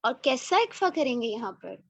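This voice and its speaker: A woman with a high voice teaches Quran recitation in an online lesson, modelling each word with long, unhurried care. Between drills she corrects pronunciation and praises quickly. The sound is dry and slightly muffled, like a call recording. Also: big pitch swings, creaky, husky, no room sound. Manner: models verses slowly, corrects and praises briskly.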